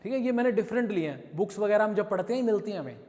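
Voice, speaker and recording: A man's voice: high-pitched, animated, very fast, darkish tone, in a large hall. Indian man teaching English in a class. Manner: explains in Hindi with English example sentences, checks with students. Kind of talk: classroom lesson. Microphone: camera recording the class.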